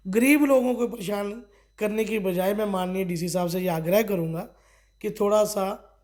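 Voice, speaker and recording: A man's voice: high-pitched, normal speed, darkish tone. A middle-aged man from Kathua, a district party official, giving a local news interview and pressing his complaints with rhetorical questions. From Kathua, Jammu and Kashmir.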